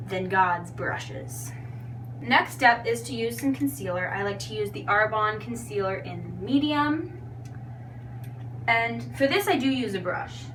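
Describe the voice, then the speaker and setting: With a distant mic picking up hum and background noise, a young makeup vlogger chats through a casual tutorial in a tipsy, giggly, self-mocking way. Her voice is a little high with a fairly bright tone.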